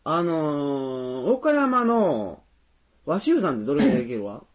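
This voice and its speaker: A man's voice: on the high side, big pitch swings, unhurried. A man with a Tosa accent chatting casually as a podcast co-host, teasing and quizzing his partner. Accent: Tosa (Kochi) Japanese. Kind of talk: casual chat.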